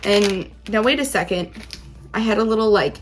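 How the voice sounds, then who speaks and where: A woman's voice: medium pitch, moderate pace, low-quality recording. A woman hosting a casual taste-test vlog, talking informally and emphatically in a rambling, conversational way. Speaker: candy reviewer, video host.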